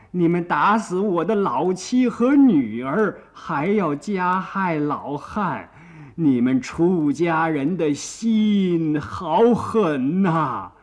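A man voicing a cunning bone demon disguised as an old man, who wails, pleads and gloats. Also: a little high. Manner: whining, pleading, then gloating.

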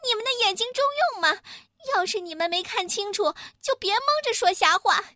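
A woman voicing a vain, excitable young hen with a crooked comb, shrill and clucking. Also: unhurried, dry recording, clean studio sound, full character voice. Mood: indignant.

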